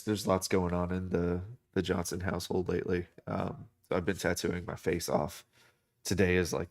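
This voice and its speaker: Man, very deep voice, live-stream artist, casual rambling chat, lots of fillers, desk mic. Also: vocal fry. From United States. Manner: relaxed, rambling, many fillers and restarts.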